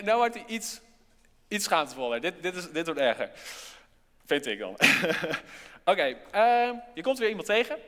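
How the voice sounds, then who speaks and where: Man, church speaker, casual and self-deprecating, fillers galore; higher voice, echoing in a big hall. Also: a bit bright. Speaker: church speaker leading an interactive session. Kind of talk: casual interactive church talk. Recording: long hall reverb.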